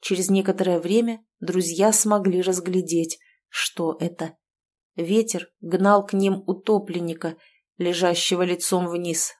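A woman reading a novel aloud in an even, measured narration. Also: on the low side. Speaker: audiobook narrator. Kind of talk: scripted narration.

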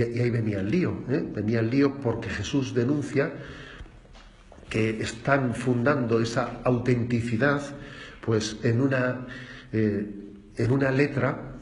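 A man's voice: mid-range voice, a little mellow. An older man with a Spanish accent from Spain, preaching a conversational homily full of anecdotes and tag questions. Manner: chatty, storytelling, frequent tag questions. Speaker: bishop preacher. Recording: roomy echo, faint background noise.

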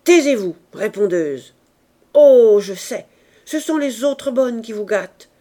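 A woman voicing a stout, imperious bourgeois mother who scolds and accuses her maid in loud, raised outbursts, in an audiobook reading of a novel. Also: fairly high pitch, animated, fairly quick. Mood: furious.

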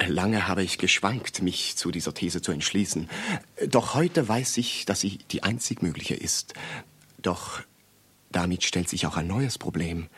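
In a German radio play, a male actor portrays an impoverished, pedantic amateur sleuth who speaks formally and deferentially in long, elaborate sentences. His low-pitched voice has a fairly bright tone and breathy edge, and the performance is heavily acted.

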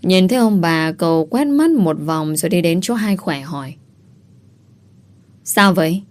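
A woman narrating an audiobook story in an even storytelling manner. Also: on the low side, moderate pace.

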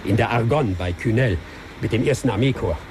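An actor playing a humble barber in a radio drama, a beaten victim who speaks earnestly and imploringly. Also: male voice, fairly quick, a little mellow, a little hiss or hum, lightly acted. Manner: earnest, imploring, rising in pitch when upset.

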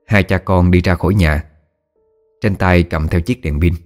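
A man calmly narrating a scripted ghost story. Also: low-pitched, moderate pace, faint music behind.

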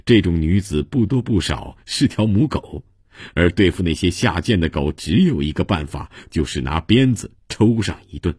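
A man's voice: low voice, expressive, moderate pace, a little mellow, slightly rough, no room sound, clean studio sound. A man reading the lines of a hot-tempered, blunt young German composer in an audiobook, in angry outbursts. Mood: indignant.

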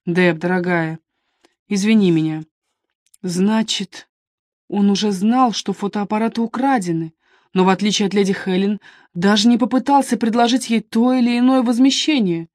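A woman reads an audiobook novel in an even, measured voice of middling pitch. The recording is dry and close, with no room around her. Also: dry recording. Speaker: audiobook narrator. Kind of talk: scripted narration.

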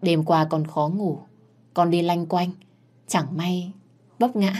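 A woman's voice: on the low side, fairly even intonation, slow pace, a little mellow. A woman voicing a sly young female servant who answers evasively.

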